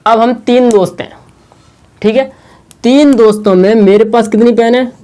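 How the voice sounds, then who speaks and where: Male teacher, mellow tone, rhetorical question-and-answer style, patient board lesson. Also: very high-pitched. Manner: asks questions and answers them himself; slow, repetitive explaining.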